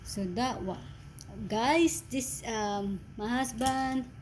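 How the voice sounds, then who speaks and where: A woman chatting casually in a home kitchen as vlog host, asking many questions in halting English. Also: on the high side. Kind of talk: casual cooking chat. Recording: noisy kitchen with sizzling.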